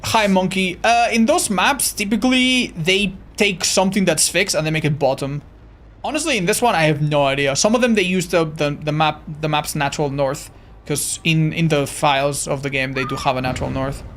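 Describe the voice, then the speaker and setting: A man streaming a video game, chatting casually with his viewers in a slightly raspy, tired voice, animated and swearing freely. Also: on the high side, fairly quick. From Andorra. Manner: animated, swearing, answers chat while playing. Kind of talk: casual live-stream chat.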